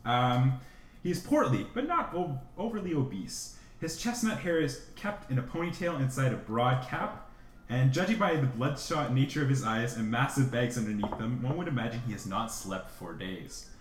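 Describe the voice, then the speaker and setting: A man narrating a tabletop game as game master in a loose, relaxed way. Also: medium pitch, moderate pace. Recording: echoey room with faint music.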